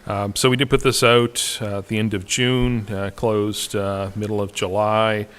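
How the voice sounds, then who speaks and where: A man's voice: on the low side, level tone, a little slow, a bit bright, clear, resonant tone. A man from the municipal staff reporting to a council meeting, hesitant and full of fillers. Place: council chamber.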